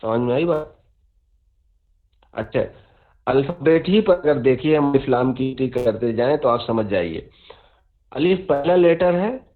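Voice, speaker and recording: A man's voice: medium pitch, expressive, measured pace, long pauses. A man teaching Arabic grammar, patiently repeating examples and checking that students follow. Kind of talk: classroom explanation. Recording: dull lo-fi audio.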